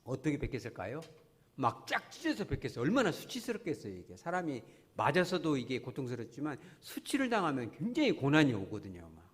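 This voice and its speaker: A man's voice: medium pitch, wildly swooping pitch, fast. A man preaching a sermon in a church, telling stories earnestly and asking the congregation question after question. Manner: earnest, storytelling, many rhetorical questions to the congregation. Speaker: pastor. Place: church sanctuary. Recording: long church reverb.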